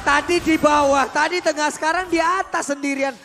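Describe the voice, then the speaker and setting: Esports caster, male, Indonesian accent, extremely high register, exclamatory play-by-play with repetition. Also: fairly even intonation, brisk, pushed and bright. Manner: exclamatory, repeats names and words for hype. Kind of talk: excited esports match commentary.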